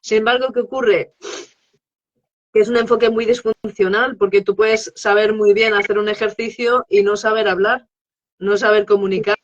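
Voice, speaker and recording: A woman's voice: mid-range voice, fairly even intonation, moderate pace. Woman, interview guest, explanatory, frequent check-in questions, slightly dull lo-fi stream audio. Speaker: guest, English teaching expert.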